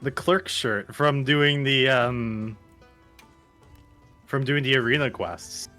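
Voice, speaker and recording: Slow-talking, bright-voiced man on a stream. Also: medium pitch, faint music behind. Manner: unhurried, campy and crude. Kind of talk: casual gaming chat.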